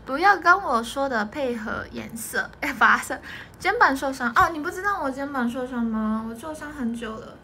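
A woman's voice: sits high, animated, normal speed, sharp tone, a little hiss or hum. A young woman with a Taiwanese Mandarin accent, chatting on a livestream from home, answering comments and laughing often. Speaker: idol group member livestreaming. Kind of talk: casual livestream chat.

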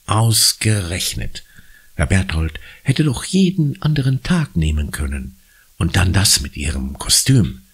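A man narrating a children's audiobook with expressive storytelling. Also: sits low, breathy edge. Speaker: audiobook reader.

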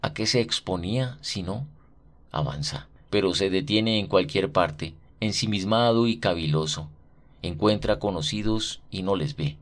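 A man narrating a short story for radio in a dramatic, expressive reading. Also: deep voice, a little slow.

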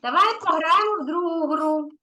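A woman's voice: extremely high pitch, normal speed, sharp tone, poor audio. A woman kindergarten teacher giving an online lesson to a young child, patient and encouraging, stretching out key words.

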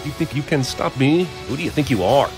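A man's voice: medium pitch, animated, a little fast. A man delivering exaggerated, combative banter. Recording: music behind the voice.

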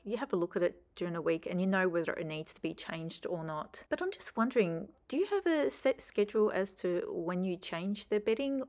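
A woman's voice: on the low side, a little mellow. A woman, chatting casually in a voice-over about cleaning her family home. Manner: chatty, quick and conversational, trailing off at line ends. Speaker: cleaning vlogger. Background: faint background music.

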